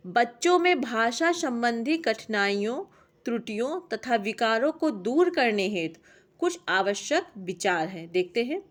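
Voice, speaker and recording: Woman teacher reading exam points. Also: on the high side. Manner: reads lists of points, steady classroom delivery.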